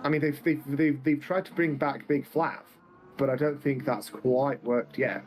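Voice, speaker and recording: A man's voice: mid-range voice, fairly even intonation, darkish tone, a little hiss or hum. A man of twenty commentating a sim racing event live, calling the action and joking with his co-host. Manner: joking, quick banter between race calls.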